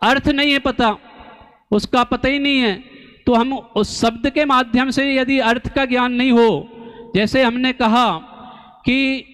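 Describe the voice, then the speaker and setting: A man giving a slow, deliberate religious discourse, teaching through rhetorical questions and pauses. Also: extremely high pitch, fairly even intonation, fairly bright tone, clear, resonant tone. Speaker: Jain scholar and preacher. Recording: long hall reverb.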